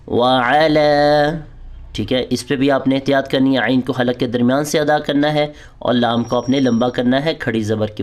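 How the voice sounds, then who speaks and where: A man teaching prayer recitation in an online lesson. He explains each point patiently, then recites long, drawn-out model lines for students to repeat. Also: mid-range voice, darkish tone.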